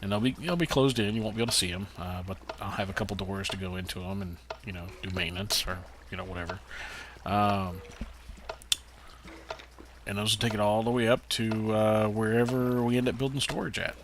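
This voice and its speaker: Low gravelly guy doing game commentary, lots of uh's, noisy recording with keyboard clicking. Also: steady tone, fairly quick. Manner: rambling, lots of uh fillers, talks to himself while playing. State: hiccups. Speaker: gaming channel host. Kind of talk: casual let's-play commentary.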